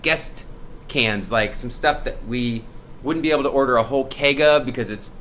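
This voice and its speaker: In this casual promotional vlog, a young brewery host talks cheerfully about the specials and various beer styles, dropping in playful sound effects. He speaks at a moderate pace in a mid-range, fairly bright voice, with slight hiss or hum behind him.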